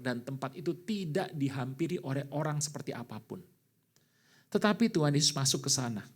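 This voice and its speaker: A middle-aged man, a pastor, preaching a sermon in an animated way, with sudden loud bursts. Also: mid-range voice.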